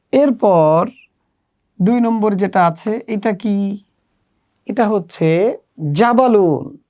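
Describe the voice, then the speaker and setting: A woman teaching children the Arabic letters, slowly and patiently working through a workbook one exercise at a time. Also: medium pitch, warm tone. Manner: slow, patient step-by-step instruction. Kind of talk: workbook lesson walkthrough.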